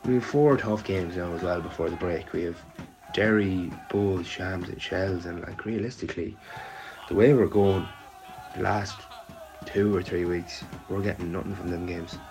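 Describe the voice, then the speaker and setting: Low-voiced man with a west of Ireland accent. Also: fairly even intonation, normal speed, darkish tone, low-quality recording. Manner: downbeat, exasperated, blunt and sweary. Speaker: football supporter sending a voice note. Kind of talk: casual voice note, sweary fan rant.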